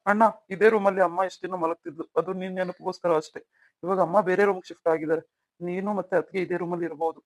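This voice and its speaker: A man's voice: high-pitched, steady tone, very fast, no echo. A man voicing an earnest young married man who pleads with his elder brother in a cartoon story. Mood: pleading. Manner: pleading, emotional.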